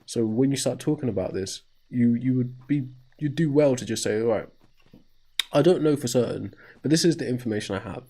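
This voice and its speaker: A man with a warm, mid-range voice hosts a call-in talk show and argues with a caller. He keeps cutting in with rhetorical questions like "right?"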